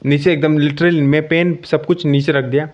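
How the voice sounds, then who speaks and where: A man's voice: a little high, fairly even intonation, moderate pace, a little mellow. A young man tells a story about his own exam casually, checking in often with the listener and correcting himself as he goes. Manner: conversational, with frequent "ठीक है" check-ins and self-corrections. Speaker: exam candidate sharing his experience. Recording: dull lo-fi sound.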